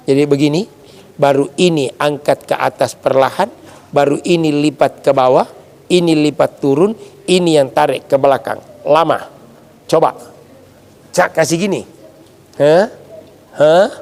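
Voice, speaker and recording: A fairly high-voiced man in his late fifties with a Bugis accent preaches a joking sermon, playing out the voices in his stories. His voice rings through a large, echoey hall with a long tail of reverb. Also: darkish tone. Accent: Bugis-accented Indonesian. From South Sulawesi, Indonesia. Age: 50s. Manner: jokey storyteller acting out quoted voices. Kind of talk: humorous sermon.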